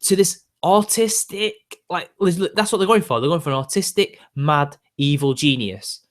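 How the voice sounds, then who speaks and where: At a normal speed and slightly high pitch, a youthful-sounding British man in his twenties talks to his YouTube viewers. It's casual and ranty, with an exasperated edge and heavy use of fillers.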